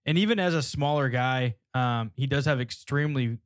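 A man talking casually on a sports podcast, prone to laughter and restarts. His voice sits at an everyday pitch. The sound is dry and close, with no room around it. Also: moderate pace, no echo. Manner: chatty, laughs often, repeats words. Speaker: podcast co-host.

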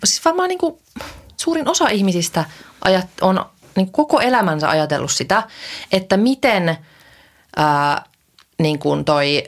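Lively Finnish-speaking woman chatting. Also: lowish voice. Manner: hesitant, trailing off, many restarts; animated, lively. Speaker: podcast co-host. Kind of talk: casual chat.

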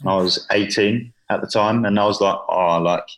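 A man's voice: lowish voice, fairly even intonation, normal speed, a bit bright. A young man in his twenties, chatting casually as an interview guest, full of fillers. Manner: chatty, lots of fillers and "you know".

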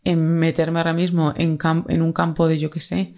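A woman's voice: sits low, flat delivery, normal speed, darkish tone. A young woman from Spain with a Spanish accent, talking casually and at length in a solo podcast, with lots of fillers and self-corrections. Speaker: podcast host.

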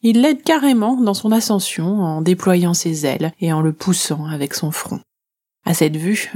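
A woman narrating a children's adventure in the first person, reading in a lively, expressive way. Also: sits low, breathy edge. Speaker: storyteller.

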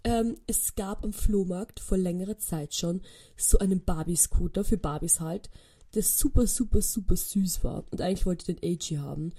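A woman in her twenties with an Austrian German accent hosts a casual solo podcast, telling stories and sprinkling in English phrases. Her voice is lowish, mellow, and husky, with a moderate pace.

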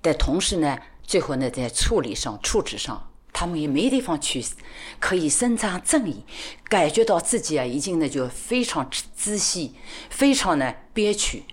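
Deep husky-voiced woman lawyer. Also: very animated. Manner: deliberate, padded with filler particles. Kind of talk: interview recollection.

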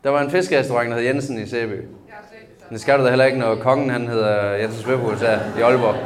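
A man's voice: medium pitch, steady tone. A man with a Danish accent doing a crude, ranting stand-up set with crowd banter on a club stage. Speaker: stand-up comedian. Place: club stage with live audience. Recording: live club crowd audible. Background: audience laughter.

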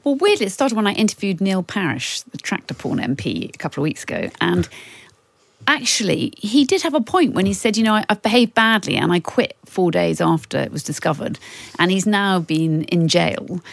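A woman's voice: on the low side, big pitch swings, moderate pace, vocal fry, no echo. A middle-aged woman, a newspaper columnist, chatting candidly and at length. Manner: candid, rambling, conversational. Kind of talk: casual chat.

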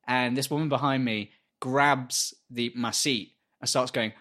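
A podcast co-host with a medium-pitched voice speaks at a measured pace, telling an animated story in casual chat. He swears freely and acts out the voices of the people in his anecdote.

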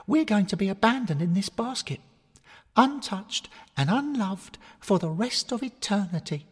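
A man's voice: high voice, lively intonation, normal speed, husky, in a large hall, pitched above the performer's own voice. A man voicing a self-pitying female teddy bear toy in a plaintive, complaining tone. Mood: sulky.

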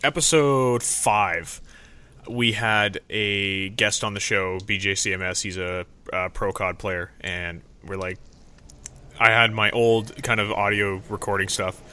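A man's voice: fairly low pitch, steady tone, a little slow, sharp tone, clean tone. A young man hosting a podcast, telling rambling, profane stories in casual chat into a studio mic. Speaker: podcast host. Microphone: studio mic through a mixer.

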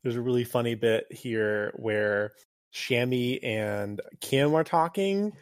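A man co-hosting a podcast in casual chat, animated and joking, quick to laugh. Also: mid-range voice, no echo, studio quality. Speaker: podcast co-host.

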